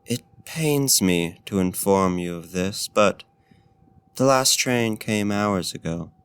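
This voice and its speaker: In this slow, intimate ASMR roleplay, a man performs an animated take on a deep-voiced, courtly vampire host. His low, gravelly voice stays polite and inviting, and his formal, archaic wording is courteous and flirtatious, smooth but gently menacing and seductive.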